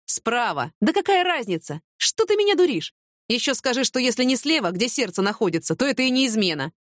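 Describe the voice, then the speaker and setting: A woman's voice: on the high side, expressive, quick pace, fairly bright tone, no room sound, voice pushed up. Woman doing a tired injured cop, exasperated, whiny complaints, dry close sound. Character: injured male police major, weary and jealous. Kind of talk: audiobook character reading.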